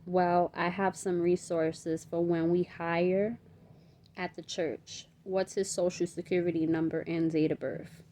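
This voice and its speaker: A woman's voice: fairly low pitch, measured pace, a little hiss or hum, natural voice. A woman reading aloud as a practical, level-headed sister who speaks firmly. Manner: firm, calming.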